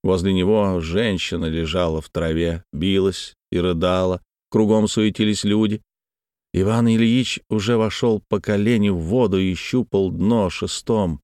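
A man narrating a classic novel in a measured, expressive reading. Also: deep voice, clear, resonant tone, dry recording, studio quality. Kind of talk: scripted literary narration.

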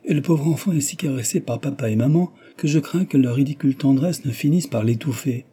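A man reading an audiobook voices a giddy, mocking young noblewoman who gossips in a lively, teasing way. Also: medium pitch, fairly quick, breathy edge, voice pushed up, natural voice. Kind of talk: audiobook reading of a classic novel.

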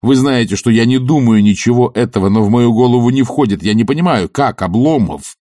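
A male narrator voicing an earnest gentleman in an audiobook, speaking urgently and persuasively. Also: medium pitch, fairly quick, no echo, studio quality, voice pushed up, lightly acted. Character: earnest, insistent gentleman friend.

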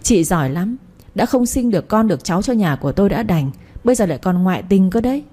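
Woman playing a scornful older mother-in-law, shrill and nagging, warm low-toned voice. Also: expressive, quick pace, close to an everyday voice. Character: sharp-tongued scolding older mother-in-law.

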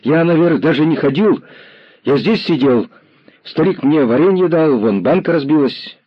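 A man voicing a scrappy lame boy soldier who pleads in a rapid, shifty patter. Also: on the high side, animated, slightly rough, lo-fi sound, pitched above the performer's own voice. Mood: pleading. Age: child.

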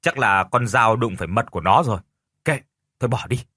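A man's voice: medium pitch, brisk, sharp tone, husky, dry recording, clean studio sound. A man voicing a jovial middle-aged neighbor in an audio story, who brushes off worries. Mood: offhand.

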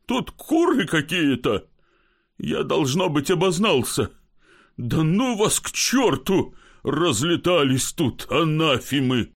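A man voicing a drunk middle-aged gentleman who coaxes and curses, fussy and blustering. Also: mid-range voice, big pitch swings, slow, pitched above the performer's own voice. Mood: exasperated. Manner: coaxing, then cursing in frustration.

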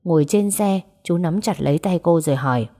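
A woman narrating a romance story aloud and voicing its characters in a gentle, even way. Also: on the low side, brisk. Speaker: audiobook narrator. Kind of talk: storytelling narration with dialogue voices.

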